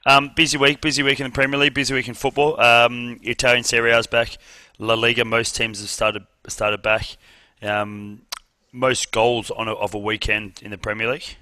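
A man's voice: mid-range voice, little pitch movement, moderate pace, sharp tone, clean tone, no room sound. A man co-hosting a casual football podcast, chatty and laughing often, calling his co-host "mate".

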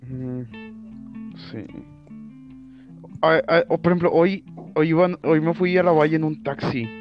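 A man's voice: fairly high pitch, measured pace. Earnest young man on a call. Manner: poses questions and explains himself earnestly. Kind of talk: casual chat among friends on a call. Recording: dull lo-fi call audio. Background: guitar music.

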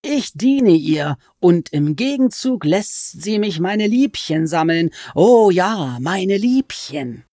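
A woman voicing a sly, menacing male goblin who is a fanatically loyal servant, speaking in a slow, drawn-out, hissing way. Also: lowish voice, lively intonation, warm tone, dry recording, studio quality, pitched above the performer's own voice. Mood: insistent, greedy.

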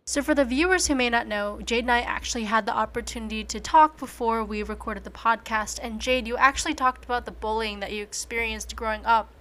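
A woman's voice: on the high side, brisk, few pauses, pushed and bright. A young woman in her twenties, from the United States, hosting a casual podcast interview in an upbeat, chatty way. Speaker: podcast host.

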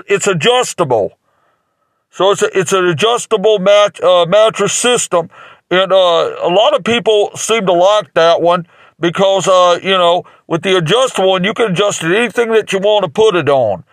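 A man's voice: sits high, no room sound. A man improvising a rambling mock infomercial as a salesman, with crude jokes and lots of fillers. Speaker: comic playing a mattress salesman.

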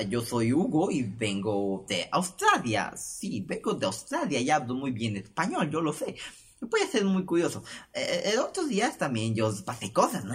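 A man's voice: medium pitch, breathy edge, heavily acted. A man doing his own joking alter ego. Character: joking male alter ego posing as Australian.

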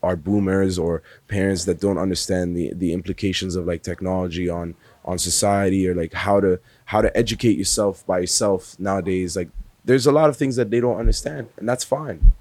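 低沉的二十多岁年轻男子，说话随意真诚. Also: male voice, low voice, a little fast, darkish tone, dry recording. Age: 20s. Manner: casual and earnest, heavy use of "like" and "bro". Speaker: podcast guest, music industry worker. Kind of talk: casual podcast conversation.

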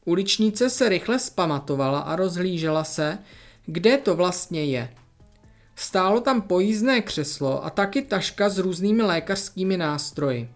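A storyteller narrating a children's story in a lively, expressive way. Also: medium pitch, soft background music.

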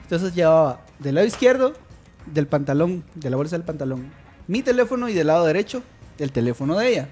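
A young man telling a story in casual chat, animated and laughing often. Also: on the high side, fairly quick, faint music behind.

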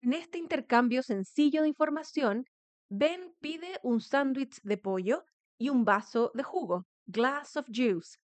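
Woman podcast host, pronunciation teacher, slow deliberate drills, dry recording. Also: high-pitched, lively intonation, no echo. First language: Spanish. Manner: slow, clear, instructive, leads repetition drills. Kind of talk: Spanish-language English pronunciation lesson.

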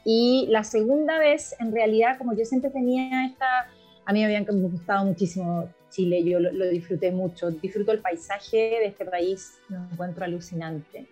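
A middle-aged woman from Argentina, a guest telling her life story in a relaxed, chatty way. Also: mid-range voice, moderate pace, faint music behind. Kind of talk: casual interview talk.

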